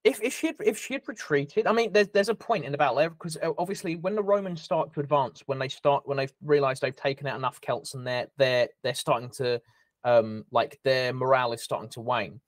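A man co-hosting a casual history podcast, talking excitedly and tripping over his words. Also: mid-range voice, brisk, dry recording. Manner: excitable, stumbles and repeats words. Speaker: podcast co-host.

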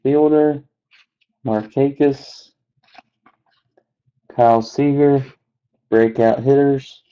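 A man slowly calling out the names on each card as he opens packs, adding relaxed asides. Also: medium pitch, clear, resonant tone, highs cut off. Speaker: card box breaker. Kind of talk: unscripted card-opening commentary.

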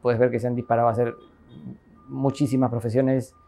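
A man's voice: mid-range voice, little pitch movement, a little fast, creaky, warm tone, faint music behind. Thoughtful Peruvian man, seated interview. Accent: Peruvian Spanish, Lima. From Lima, Peru. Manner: thoughtful, many fillers and "¿no?" tags. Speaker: architect interviewee. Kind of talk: reflective interview monologue. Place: office with bookshelves, indoors.

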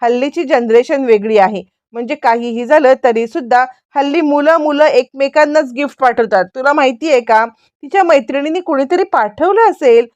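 A woman's voice: sits high, normal speed, a little mellow, no room sound, lo-fi sound, lightly acted. A woman voicing a reassuring middle-aged mother-in-law who brushes off worries. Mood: soothing. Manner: soothing, dismissive of worries.

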